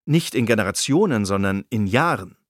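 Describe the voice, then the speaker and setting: A man's voice: lowish voice, expressive, normal speed, no room sound, clean studio sound. A man reading nonfiction in a scripted, engaged storytelling manner. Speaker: narrator.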